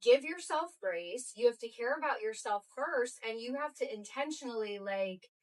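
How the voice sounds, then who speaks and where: A woman's voice: a little high, lively intonation, normal speed, recorded from a distance. A woman co-hosting a casual wellness podcast chat, talking earnestly and repeating phrases for emphasis. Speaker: podcast co-host.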